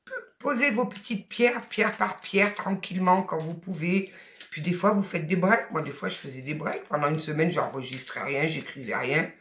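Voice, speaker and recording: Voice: medium pitch, moderate pace, fairly bright tone, roomy sound. Emphatic tarot reader with a Southern French accent. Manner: emphatic, colloquial, encouraging, blunt asides. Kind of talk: spoken tarot guidance reading.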